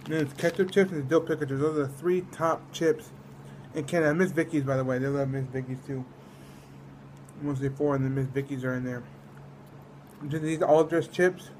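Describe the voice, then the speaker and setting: A man's voice: fairly high pitch, fairly even intonation, moderate pace, a little mellow, a little hiss or hum, poor audio. A man from the United States giving a casual, rambling food review, often trailing off mid-thought. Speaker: snack reviewer.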